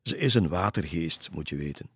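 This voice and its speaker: A man's voice: low voice, expressive, moderate pace, a bit bright, slightly rough, no room sound, studio quality, heavily acted. A man voicing a lonely middle-aged ferryman, telling spooky stories in a chatty way in a storybook reading.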